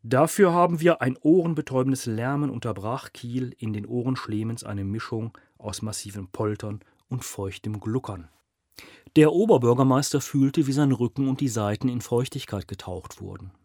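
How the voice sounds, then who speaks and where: A male narrator reads a crime novel aloud in a mid-pitched voice, measured and steady, leaning into dramatic moments. The recording is close and dry, with no room echo. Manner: measured storytelling with dramatic emphasis.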